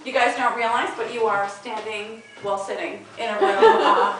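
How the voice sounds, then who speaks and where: High-voiced New woman doing stand-up. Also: moderate pace. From Long Island, New York. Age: 40s. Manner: chatty and self-mocking, laughs at her own jokes. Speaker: stand-up comedian. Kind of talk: stand-up comedy set. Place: comedy club stage. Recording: very echoey room, distant mic, noisy.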